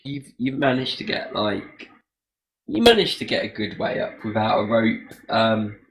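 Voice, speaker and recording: A man narrating a tabletop game as game master, in a halting, conversational way. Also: on the low side, very animated, a bit bright, low-quality recording.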